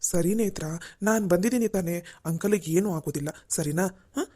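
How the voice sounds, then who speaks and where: A woman's voice: fairly low pitch, brisk, mellow, natural voice. A woman doing a soothing young man. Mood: reassuring. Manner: soothing, coaxing, repeats "okay?". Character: young man, calm and reassuring friend. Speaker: helper friend.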